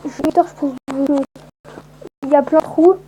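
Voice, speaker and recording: A woman's voice: sits high, fairly even intonation, moderate pace, warm tone, a little hiss or hum, poor audio. A woman giving casual, rambling let's-play commentary with lots of hesitant fillers. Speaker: gameplay commentator.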